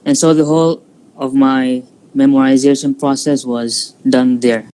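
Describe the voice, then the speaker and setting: An Indonesian student in his twenties tells his story as a guest in a casual live-streamed interview, halting often with fillers and restarts. His mid-range voice has a flat delivery and a warm tone, on a rough recording.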